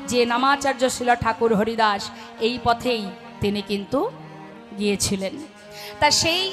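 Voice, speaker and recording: A woman's voice: high-pitched, a bit bright. A woman kirtan singer giving a devotional sermon to a gathered audience, asking questions and answering them herself, often with light laughter. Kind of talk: devotional sermon between chants. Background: devotional music accompaniment.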